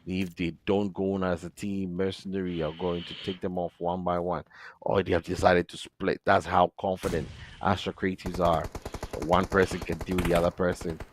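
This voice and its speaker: Excitable deep-voiced male esports caster. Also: moderate pace. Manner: excitable, bursts into loud exclamations. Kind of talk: play-by-play esports commentary.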